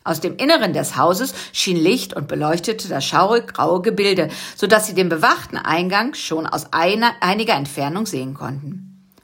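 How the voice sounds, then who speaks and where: A woman's voice: on the low side, expressive, moderate pace, a bit bright, husky. Woman reading a children's story. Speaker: audiobook narrator.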